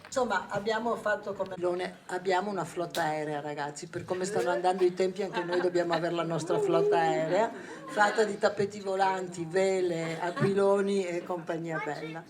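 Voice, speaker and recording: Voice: mid-range voice, fairly even intonation, fairly quick. Jokey informal speaker before a crowd. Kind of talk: casual talk to a group.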